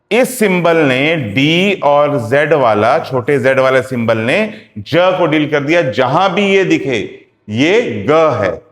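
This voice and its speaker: A man teaching phonetics, spelling out sounds slowly and repeating examples. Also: on the high side. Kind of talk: classroom lecture. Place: classroom. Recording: echoey classroom with long reverb.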